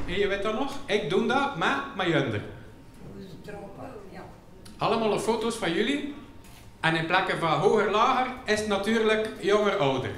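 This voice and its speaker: A man's voice: high voice, fairly bright tone. A Flemish man doing comedy for care home residents, chatty and teasing, throwing questions at the audience. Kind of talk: live comedy and game show banter with the audience. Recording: echoey hall with audience murmur.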